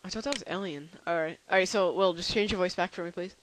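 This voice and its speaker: A tired young man hosting a casual software demo, rambling and halting with lots of fillers. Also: high voice, noisy background. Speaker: channel host.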